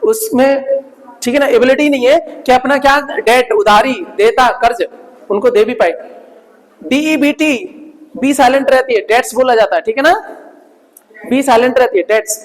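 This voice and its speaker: A man teaching English vocabulary to students preparing for job exams, drilling words slowly and often checking that they follow. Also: very high-pitched, in a large hall, low-quality recording. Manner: keeps asking "ठीक है ना?" between explanations.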